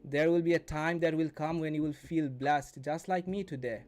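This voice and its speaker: This twenty-something man hosts a laid-back live stream as a day trading mentor, chatting and teaching viewers and often restating things in new words. He speaks at normal speed in a fairly high, steady, darkish voice.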